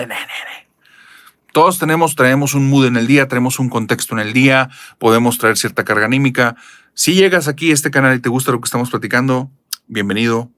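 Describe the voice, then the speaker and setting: Chatty Mexican host with a Monterrey accent. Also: male voice, no room sound. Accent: Northern Mexican (Monterrey). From Mexico, Nuevo León. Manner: expressive, chatty, lively pitch jumps. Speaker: host and narrator of a channel. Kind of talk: casual chat reading viewer comments.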